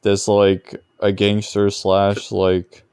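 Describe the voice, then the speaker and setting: A man with a low, mellow voice co-hosts a cartoon review podcast. His talk is loose and joking, full of fillers. The sound is dry and close. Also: completely flat delivery, takes it slowly, clear, resonant tone, no echo. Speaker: podcast co-host. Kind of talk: casual chat.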